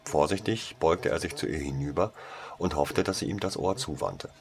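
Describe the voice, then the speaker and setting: A man reading a story aloud as a calm, even narrator. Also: very deep voice, normal speed, gravelly.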